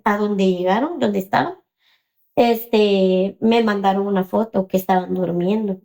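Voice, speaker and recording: A woman, telling her own story in an interview with hesitant pauses and many fillers. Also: mid-range voice, gravelly, warm tone. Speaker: interview guest.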